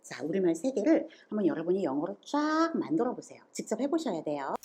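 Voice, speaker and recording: Teacher, woman, Korean accent, animated pitch, mellow tone, coaxing online grammar lesson. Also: slight background noise. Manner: lively, questioning the viewer, reads English examples slowly. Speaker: English teacher.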